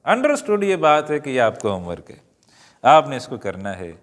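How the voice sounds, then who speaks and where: A man teaching an Arabic lesson, reading words slowly and adding joking asides to his students. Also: mid-range voice, sing-song. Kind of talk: classroom-style lesson. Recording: long hall reverb.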